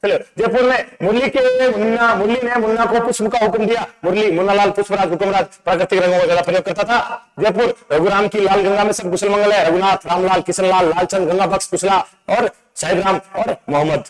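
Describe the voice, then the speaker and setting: A man teaching an exam-prep lesson, playful and asking quick quizzing questions over and over. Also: high-pitched, steady tone, low-quality recording. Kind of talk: exam-prep lecture with memory tricks.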